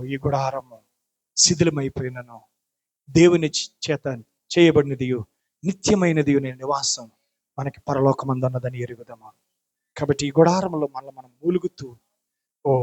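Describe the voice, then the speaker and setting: A man's voice: medium pitch, low-quality recording. A middle-aged man, a pastor, preaching a sermon in church with impassioned prayers and rising, repeated pleas.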